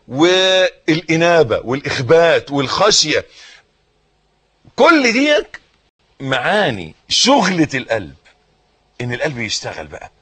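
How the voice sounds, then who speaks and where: A man with an Egyptian accent preaching a sermon, teaching by repeating phrases and putting questions to his listeners, rising to emphatic bursts and then sinking to hushed words. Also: fairly high pitch, breathy edge. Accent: Egyptian Arabic. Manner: swings between raised emphasis and soft, hushed phrases.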